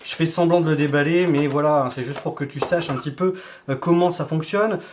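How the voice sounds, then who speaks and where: A man with a somewhat raised pitch talks through a casual unboxing on his vlog. He speaks directly and informally to the viewer, as if to a friend. His voice is picked up by a shotgun mic mounted on top of the camera. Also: brisk, noisy background. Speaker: vlogger reviewing gear.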